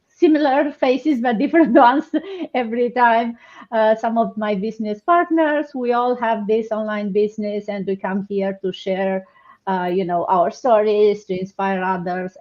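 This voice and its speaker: A woman's voice: a little high, a little mellow, highs cut off. Hesitant woman hosting an online panel. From Romania. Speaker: host. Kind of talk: live online panel chat.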